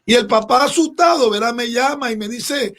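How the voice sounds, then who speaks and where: A man's voice: very high-pitched, moderate pace, a bit bright. A man on a religious talk show panel, telling a story in an earnest, emphatic way.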